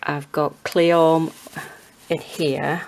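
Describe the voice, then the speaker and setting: A British woman in her forties talks in a low, monotone voice. She takes her time, pausing and hesitating as she chats. The delivery is casual and self-deprecating, like an informal gardening vlog recorded in her kitchen. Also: creaky, rough recording. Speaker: gardening vlogger. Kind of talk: casual rambling garden tour chat. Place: small home kitchen and windowsill, indoors.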